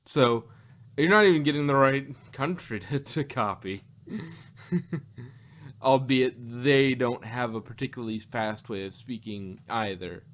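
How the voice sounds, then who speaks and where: Speaking at medium pitch and a little slowly, this podcast co-host chats casually while reviewing audio drama, wandering through his thoughts and frequently rewording them.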